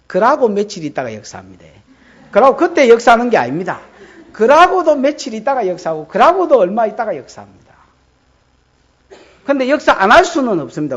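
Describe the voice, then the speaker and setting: Animated Gyeongsang-accented male pastor preaching. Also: high voice, highs cut off. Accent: Gyeongsang Korean. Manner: animated, acts out voices in dialect, swings from shouts to mutters. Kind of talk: sermon.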